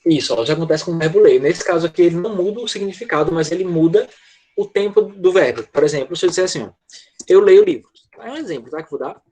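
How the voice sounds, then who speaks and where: A man with a husky voice, a darkish tone and lively intonation teaches an online English class over a computer mic, his pitch sitting a little high for a man. He walks through grammar patiently, checks in often and slows down to model every word.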